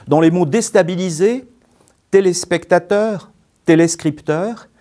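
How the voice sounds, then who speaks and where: A man reads a prepared grammar lesson at an unhurried, deliberate pace. His voice is mellow and dark, and he breaks words into syllables with care. The delivery is calm and methodical, like a recorded course. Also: medium pitch. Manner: slow, careful, spells out syllables. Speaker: teacher. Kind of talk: scripted lesson narration.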